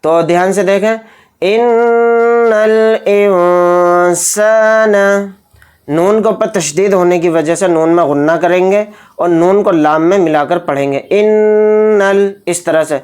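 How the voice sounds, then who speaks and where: A man's voice: fairly high pitch, normal speed, darkish tone, clean tone. A man teaching Quran recitation, patiently explaining each letter and drawing out the sounds as he demonstrates. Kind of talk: slow, methodical recitation lesson.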